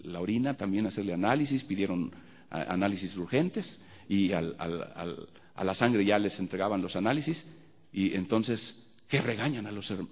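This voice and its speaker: A man's voice: deep voice, a little mellow. Male preacher telling a testimony in a reverberant hall. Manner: storytelling, repeats words, frequent fillers. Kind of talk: sermon testimony.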